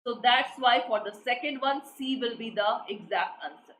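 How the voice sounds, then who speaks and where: A woman with an Indian English accent teaches a live online exam class, repeating questions and prompting students to answer. Her voice is on the high side and fairly bright, at a moderate pace, recorded in an echoey room with faint noise.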